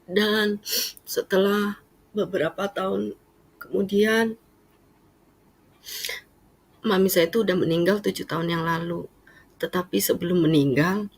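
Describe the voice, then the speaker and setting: Middle-aged woman with a husky voice, telling a church testimony casually. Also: on the low side. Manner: lively storytelling with casual fillers. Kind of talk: personal testimony.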